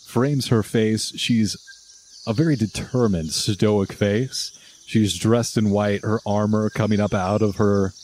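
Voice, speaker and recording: A man narrating a tabletop game as game master, describing scenes in a relaxed way with pauses and fillers. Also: fairly low pitch, a little hiss or hum.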